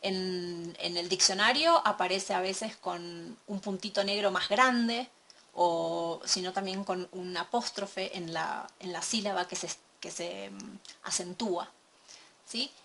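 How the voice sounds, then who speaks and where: A woman teaching a recorded lesson from slides, explaining step by step and checking in with a quick question. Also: on the low side, vocal fry, a bit bright, slight background noise. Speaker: English teacher.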